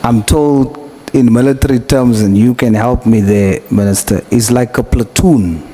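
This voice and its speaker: A South African man formally questioning a witness at a hearing, in a deliberate, probing way. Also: mid-range voice, dark tone. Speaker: committee member questioning a witness. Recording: noisy hearing room ambience.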